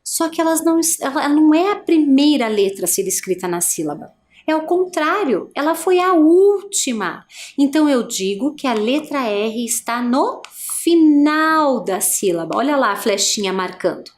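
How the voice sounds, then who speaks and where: A woman teacher with a Brazilian Portuguese accent giving an adult education video lesson, explaining slowly and patiently and asking the learner encouraging questions. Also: high voice, animated. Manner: slow, patient, syllable-by-syllable explanation.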